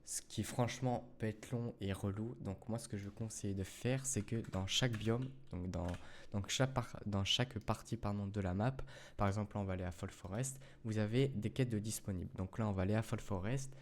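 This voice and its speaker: Speaking a little fast in a voice on the low side, this gaming YouTuber addresses his viewers in casual French during a gameplay tutorial, rambling with plenty of fillers and self-corrections. There's slight background noise.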